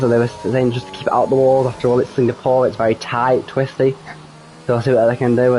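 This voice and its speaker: A man with a cold gives solo live commentary on an online racing league, sounding slightly croaky and hesitant, full of ums and self-corrections. His voice is medium-pitched and mellow, and the rough recording carries a little hiss or hum.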